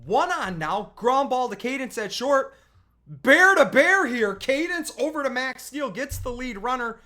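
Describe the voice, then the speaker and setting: A coach calling youth softball highlights in a chatty play-by-play, with self-corrections and asides, who breaks into loud cheering on big plays. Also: expressive, moderate pace. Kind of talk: highlight recap commentary over game video.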